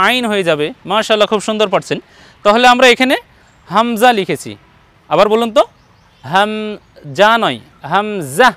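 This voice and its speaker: A man's voice: high-pitched, a bit bright, clear, resonant tone, dry recording. A man with a Bangladeshi Bengali accent, teaching Quran letter pronunciation online and patiently repeating each sound for his students.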